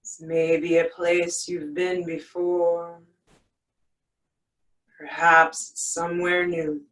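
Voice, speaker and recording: Very slow, soothing meditation guide in echoey room. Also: mid-range voice, flat delivery, a bit bright. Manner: soothing, unhurried, with long pauses. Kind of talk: guided meditation, soothing yoga-teacher manner. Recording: echoey room, distant from mic.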